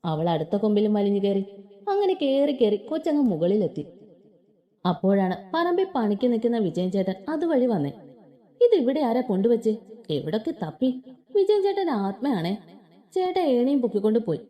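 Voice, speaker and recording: A woman's voice: mid-range voice, fairly quick. A woman reading a story aloud in a playful, colloquial way and voicing its characters. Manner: lively, playful colloquial narration.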